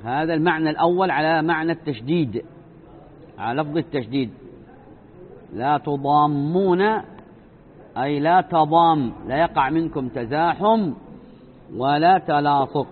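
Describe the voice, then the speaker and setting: Sheikh teaching a lesson, drawn-out words, lots of rhetorical questions, tinny lo-fi sound. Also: male voice, a little high. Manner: explains slowly, repeating and stretching key words, asks rhetorical questions. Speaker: sheikh teaching Islamic creed. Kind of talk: religious lesson. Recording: tinny phone-like lecture recording.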